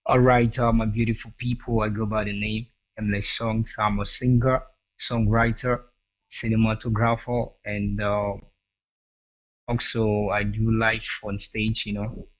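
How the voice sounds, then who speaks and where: A man's voice: on the low side, little pitch movement, a little slow, dull audio. A man from Nigeria, a singer guesting on a radio interview, talking hesitantly with many "you know" fillers and restarts. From Edo State, Nigeria.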